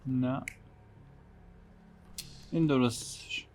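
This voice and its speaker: A man's voice: medium pitch, steady tone, moderate pace, a little mellow, faint music behind. A man with an Iranian Persian accent doing casual game walkthrough commentary, muttering as he thinks aloud. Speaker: game streamer.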